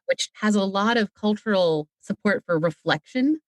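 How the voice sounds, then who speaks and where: A woman who creates audio dramas appears as a podcast guest, chatting casually in a talkative, playful way during an interview. Her medium-pitched voice is expressive and moves at normal speed, with no room sound.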